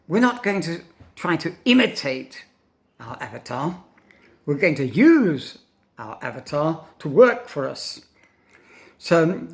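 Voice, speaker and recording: An older man giving an informal English lesson, thinking aloud in pauses and often tagging his points with a questioning "no?". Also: a little high, vocal fry. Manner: thoughtful, pausing, demonstrates intonation aloud; tags questions with "no?". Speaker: English teacher.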